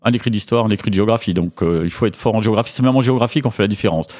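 A man from Franche-Comté, a guest in an interview, explaining history in a measured way with frequent hesitations. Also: lowish voice, a little mellow.

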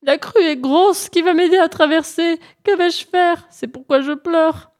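A woman's voice: on the high side, expressive, moderate pace, warm tone, natural voice. A woman voicing a cunning, boastful male hare from a storybook who whines and gives orders. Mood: wailing. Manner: lamenting, then bossy and sly.

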